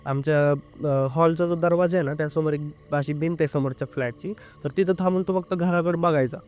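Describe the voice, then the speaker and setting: A young man telling a personal story as an interview guest, speaking earnestly and haltingly, with filler sounds. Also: on the high side, fairly even intonation, a little mellow, smooth. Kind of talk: casual first-person storytelling.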